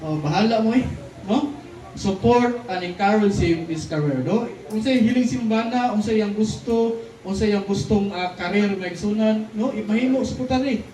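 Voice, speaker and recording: A man preaching a sermon, lively, mixing English lines into his talk and often asking the crowd "di ba?" and "no?". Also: high voice, normal speed. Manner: switches between Cebuano and English lines. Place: church hall. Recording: echoey hall, distant mic, faint noise.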